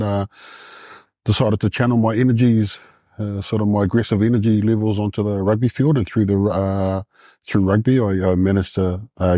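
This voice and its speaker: Samoan-born guy in his 40s, low mellow voice, stops and restarts a lot, dry sound. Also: no echo. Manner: halting, many fillers and restarts. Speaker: guest. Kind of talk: podcast interview in a classroom.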